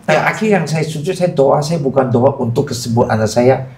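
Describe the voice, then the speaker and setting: Gravelly middle-aged man giving testimony. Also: mid-range voice, a little fast, a little mellow. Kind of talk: casual testimony in podcast. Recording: echoey room.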